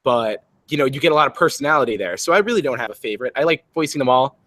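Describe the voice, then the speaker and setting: Casting note: male co-host, lively pitch swings, rambling and self-mocking. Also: racing. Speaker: co-host, voice actor. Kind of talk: casual livestream chat.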